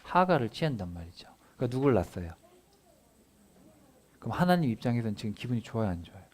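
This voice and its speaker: A man's voice: mid-range voice, quick pace. Male pastor asking rhetorical questions. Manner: keeps asking listeners rhetorical either-or questions; conversational, animated storytelling. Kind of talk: family sermon, casual retelling of scripture.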